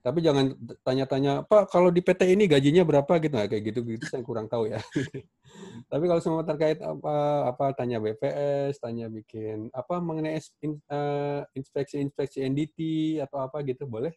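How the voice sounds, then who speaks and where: Male welding instructor with an Indonesian accent, mellow tone, loose and halting delivery, computer mic on a call. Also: mid-range voice, fairly even intonation. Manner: casual, halting, many fillers and restarts. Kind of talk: online class lecture. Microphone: computer mic on a video call.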